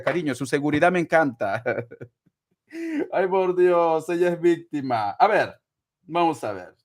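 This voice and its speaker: A man in his forties, a tarot reader on a live stream, reading out viewer donations in a theatrical, gushing way and calling them sweetheart. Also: a little high. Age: 40s.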